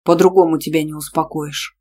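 A woman's voice: fairly even intonation, fairly quick, warm tone, breathy edge. Domineering young man, curt and menacing, read by a woman narrator. Audiobook. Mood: stern. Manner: curt, low and threatening. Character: possessive, domineering young male gym teacher.

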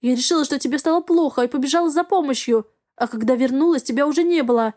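A woman's voice: high-pitched, fairly even intonation, normal speed, darkish tone, lightly acted. A woman voicing a frightened, guilt-ridden young woman who pleads in a quavering, breathless voice. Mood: frantic.

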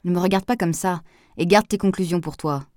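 A woman reading the lines of a sardonic, touchy man in a novel, in a low, dry voice. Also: a little fast, no echo, close to an everyday voice. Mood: sharp. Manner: sardonic, touchy, then sharp. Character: gruff reserved man, Pascal's brother.

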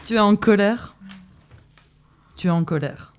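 A woman, an activist guest on community radio, reading a text aloud in a steady, deliberate way. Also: mid-range voice.

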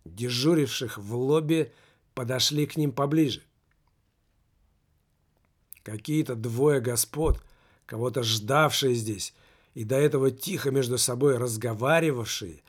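A man narrating an audiobook, voicing the dialogue with raised, emphatic delivery. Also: mid-range voice.

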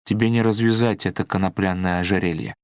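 A man voicing a stern male apostle who speaks gravely and accusingly. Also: sits low, steady tone, brisk, no room sound, studio quality.

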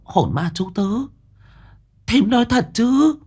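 A man's voice: mid-range voice, sing-song, normal speed, slightly rough, pitched above the performer's own voice. A man voicing an anxious, bossy older village woman who presses and urges. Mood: urgent. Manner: urgent, insistent.

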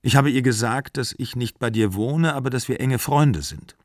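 A man reading an audiobook, voicing an agitated young woman in raised, excited bursts. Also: mid-range voice, normal speed, no echo, studio quality, natural voice. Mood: anxious.

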